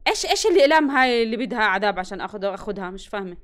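A woman with a Levantine Arabic accent hosting a let's play, talking through the game excitedly and breaking into panicky bursts of repeated words. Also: mid-range voice, rapid-fire, slight background noise. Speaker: gaming channel host.

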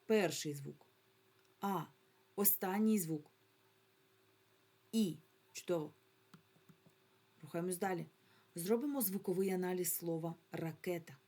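A woman with a warm, lowish voice and a Ukrainian accent teaches little children in a remote class. She's a primary school teacher who elongates sounds and syllables slowly, patient and encouraging throughout.

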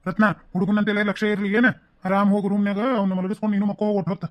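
A man voicing a doting, sly village landlord in a cartoon, coaxing and flattering, with a North Karnataka Kannada accent. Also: sits high, rapid-fire, no echo, close to an everyday voice. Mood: placating. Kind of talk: cartoon voice acting.

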